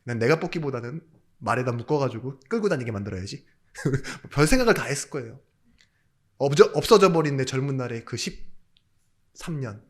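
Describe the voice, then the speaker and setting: Korean pastor preaching with lively emphasis. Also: male voice, mid-range voice. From South Korea. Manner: lively preaching with rhetorical questions and sudden loud emphasis; jokey asides. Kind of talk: sermon.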